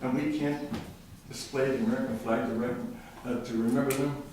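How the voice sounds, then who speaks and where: A man's voice: medium pitch, fairly even intonation, moderate pace. Earnest older man in echoey chamber. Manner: earnest, patriotic, tells jokes. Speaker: public commenter at city council. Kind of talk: public comment speech. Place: council chamber. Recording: very echoey room, distant mic, faint noise.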